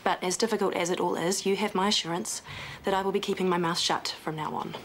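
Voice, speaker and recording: An actress playing a guarded, protective ex-wife in a TV soap, blunt and earnest. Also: female voice, fairly low pitch, fairly even intonation, quick pace, lightly acted. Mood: earnest, firm. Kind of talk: television soap opera dialogue. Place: indoor clinic corridor and locker room. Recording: noisy ambient TV soundtrack.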